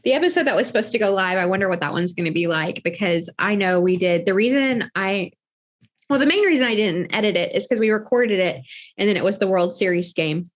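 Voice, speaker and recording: A woman's voice: medium pitch, animated, a little fast. Chatty woman podcast co-host. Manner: chatty, laughs often, thinks aloud with many fillers. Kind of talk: casual chat.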